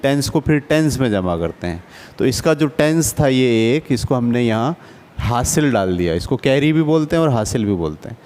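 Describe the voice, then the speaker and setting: A man's voice: medium pitch, lively intonation, normal speed, a little mellow. A man teaching a basic math lesson to adults, patient and often checking that the class follows. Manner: patient, asks checking questions.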